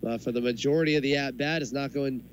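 A man doing live baseball commentary in measured, short phrases with pauses, as the play-by-play announcer. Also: medium pitch, steady tone. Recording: clear background noise from a ballpark. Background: ballpark ambience.

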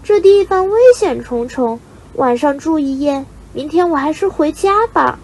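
A woman voicing a young, sulky, tearful bird chick in a storybook reading, calling out high and excited. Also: unhurried. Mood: childlike.

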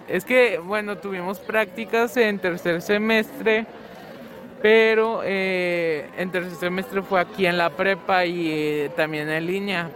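A teenage boy with a notably high voice answers interview questions outdoors at his school. He rambles casually, full of fillers, and gets animated when he tells a story. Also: a little hiss or hum. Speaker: student interviewee. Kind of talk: casual chat.

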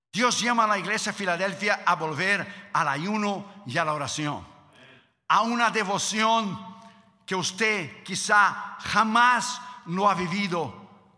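A male preacher with a high, strikingly bright, piercing voice, delivering a dramatic sermon. He shifts between emphatic declarations and hushed, lowered asides. The sound rings with a long church hall reverb. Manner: dramatic, acts out quotes in lowered voices, drops to a hush.

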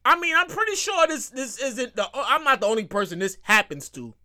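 With a very high voice and brisk delivery, a man in his thirties hosts a casual podcast alone. He's animated, acting out quotes as he rambles, curses, and repeats himself.

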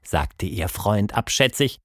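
A man narrating a children's story in a scripted, expressive way. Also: fairly low pitch, slow, no room sound, clean studio sound.

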